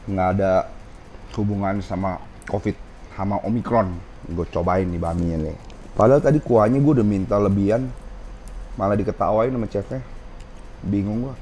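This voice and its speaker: Chatty man, low mellow voice. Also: slight background noise. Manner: chatty, keeps saying guys, tastes as he talks. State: sore throat. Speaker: food vlogger. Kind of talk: casual food review vlog. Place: ramen restaurant, indoors.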